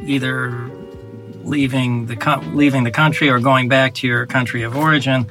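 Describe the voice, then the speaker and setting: A man's voice: mid-range voice, steady tone, normal speed, sharp tone, faint music behind. An American man co-hosting a podcast in casual, unscripted conversation with dry humour. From United States. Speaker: podcast co-host.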